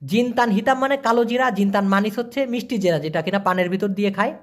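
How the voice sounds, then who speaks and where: A man teaching vocabulary, explaining patiently and repeating words slowly syllable by syllable. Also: high-pitched. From Bangladesh. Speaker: language teacher. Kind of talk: vocabulary lesson.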